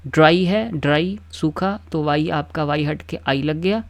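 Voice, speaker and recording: A patient teacher, explaining grammar at a mid-range pitch. The teacher recites word lists in a steady rhythm and pauses often to check that the listener is following. The recording is dry, with no room sound. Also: no echo. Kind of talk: grammar lesson.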